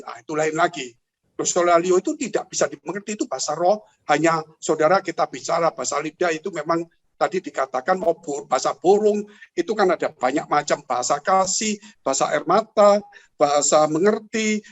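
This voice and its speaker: A man, a pastor, teaching in a church talk show, speaking to his listeners directly with rhetorical questions and acting out the stories he tells. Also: sits high. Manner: animated, rhetorical questions, addresses listeners as brothers and sisters; storytelling with vivid acted-out exclamations.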